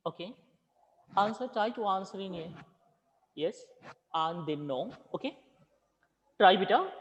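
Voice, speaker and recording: Slow-spoken teacher, reverberant. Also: male voice, high-pitched, lively intonation, a bit bright, highs cut off, slight background noise. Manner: slow, repeats questions and calls on students patiently. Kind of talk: online English class. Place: online video class.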